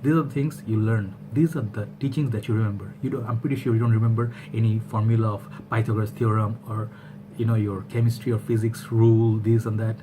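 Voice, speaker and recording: Background noise fills this clip of a Bangladeshi man in his thirties, a vlogger with a lowish voice who speaks quickly. He rambles through a casual opinion piece to a webcam at home in a small room, hands moving animatedly, stumbling into fillers and restarts.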